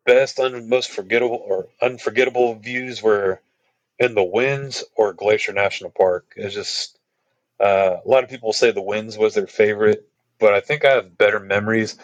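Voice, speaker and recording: Podcast guest: low-voiced male hiker, rambling and casual, filler-heavy, dry close mic. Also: no room sound, low-quality recording. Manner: rambling, laid-back, many fillers like "you know" and "like". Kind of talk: casual storytelling chat.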